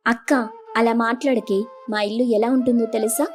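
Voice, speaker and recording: A gentle, humble young village wife with a soft, earnest way of speaking, pitched a little high and warm, as a woman narrator voices her in a storybook. She sounds sincere and modest. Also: fairly even intonation, normal speed, soft background music, close to an everyday voice. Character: humble poor younger sister, gentle and hardworking.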